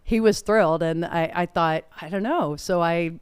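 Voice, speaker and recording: A middle-aged woman chats through her stories in a relaxed interview, often breaking into laughter. Her voice is smooth and resonant, and the recording is close and dry. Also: lowish voice, moderate pace, no room sound. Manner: chatty, laughing, animated storytelling. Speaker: performer and guest. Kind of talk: casual interview chat.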